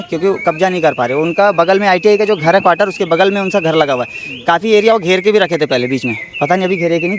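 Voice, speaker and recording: A man's voice: fairly high pitch, background noise. A young man, a paramilitary jawan and cricket coach, giving a defensive, emphatic street interview outdoors and often calling the reporter "sir".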